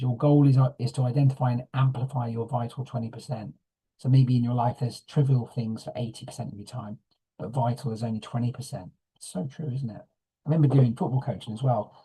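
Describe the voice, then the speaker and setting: Dark husky man teaching casually. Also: mid-range voice, poor audio. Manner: chatty, keeps asking "isn't it?". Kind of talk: informal lesson reading from slides.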